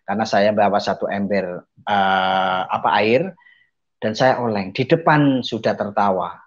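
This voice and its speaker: A man's voice: fairly low pitch, a little slow. A man giving an earnest personal testimony, telling his story to listeners he keeps calling brothers and sisters, with hesitant fillers along the way. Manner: hesitant fillers mid-sentence. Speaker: testimony speaker. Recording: dull, muffled lo-fi audio.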